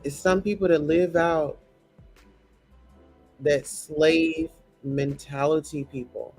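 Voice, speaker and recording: High voiced guy going off in a preachy cussing rant about a show, little music in back. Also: fairly even intonation, slow pace, a little mellow. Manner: blunt, profane, preachy. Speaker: show commentator. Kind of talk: reaction commentary rant.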